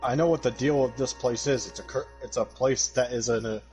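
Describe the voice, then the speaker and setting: A man in casual stream chat, excitable and rambling, breaking into dramatic outbursts. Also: medium pitch, fairly quick, faint music behind.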